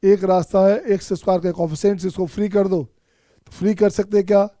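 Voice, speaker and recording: A man with an Indian accent teaches math in an online lecture, coaxing his students with repeated questions. His voice is warm and dark, sitting fairly high but flat in melody. The sound is dry and close. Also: normal speed, no room sound. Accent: Indian English. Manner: coaxing, repetitive, addresses students as children. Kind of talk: online exam-prep lecture.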